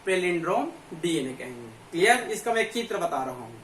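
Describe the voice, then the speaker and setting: A man's voice: high-pitched, very animated, a little fast, a bit bright. A man teaching biology, who keeps asking questions and answering them himself. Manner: repetitive, asks and answers own questions. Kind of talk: classroom lecture at a board. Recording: echoey room, mic far off, faint hum.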